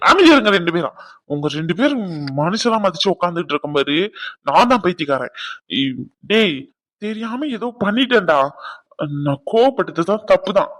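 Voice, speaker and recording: A man voicing a hot-tempered, blunt husband in a cartoon drama, who scolds loudly and throws insults. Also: high voice. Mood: exasperated.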